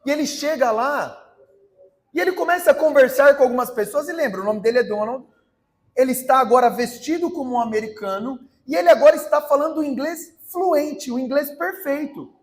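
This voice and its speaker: A man's voice: extremely high pitch, a little fast. A man with a Brazilian Portuguese accent preaching a sermon, telling a story and urging his listeners directly.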